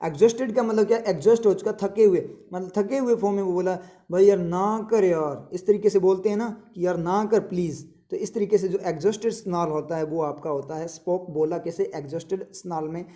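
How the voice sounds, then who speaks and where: A man runs a casual vocabulary lesson in a rather high, mellow voice. He talks in a chatty way, quizzes his viewers and slows down to repeat each word as he explains it. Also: steady tone. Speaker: English vocabulary teacher.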